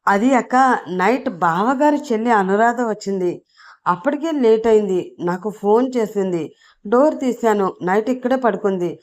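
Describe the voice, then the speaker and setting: A woman's voice: mid-range voice, darkish tone, pitched above the performer's own voice, close to an everyday voice. A woman voicing a nervous young woman who hurriedly explains herself to cover a secret. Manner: flustered, quick explaining.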